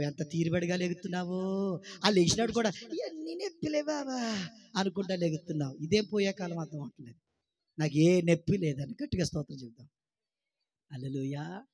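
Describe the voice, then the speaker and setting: A man preaching a lively sermon to his congregation, exhorting them with repeated rhetorical questions and calls for praise, and teasing his listeners with jokes. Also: a little high, husky, no echo. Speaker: pastor.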